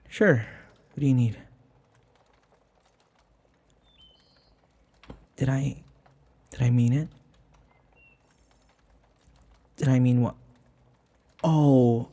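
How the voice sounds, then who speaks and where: A man in an intimate audio roleplay voices a devoted young servant, tender and shy, his soft speech halting and pleading. His voice sits in a mid range.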